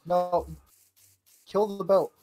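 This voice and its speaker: A woman's voice: lowish voice, flat delivery, drawn-out words, mellow. A woman playing a game with friends over voice chat, playful and giggly, chatting casually. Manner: playful and giggly, keeps offering gifts. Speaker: Minecraft player on voice chat.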